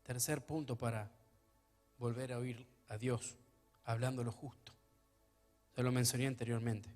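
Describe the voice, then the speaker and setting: A man preaching a sermon as pastor of a church, his delivery swinging between hushed, intimate stretches and loud, emphatic ones. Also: mid-range voice, fairly even intonation, unhurried, soft background music.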